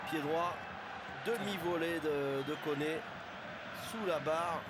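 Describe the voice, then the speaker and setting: High-voiced male football pundit in loud noise. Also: slow pace. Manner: conversational, repeats phrases for emphasis. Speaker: football co-commentator, analyst. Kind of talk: excited live analysis of replays. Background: loud stadium noise.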